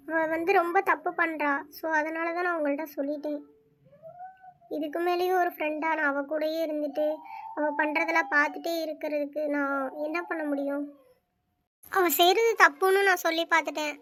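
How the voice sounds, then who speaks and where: A woman's voice: high voice, fairly even intonation, a little fast, fairly bright tone. A woman voicing an anxious, secretive young woman friend in a cartoon story, speaking earnestly and pleading. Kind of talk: cartoon voice acting.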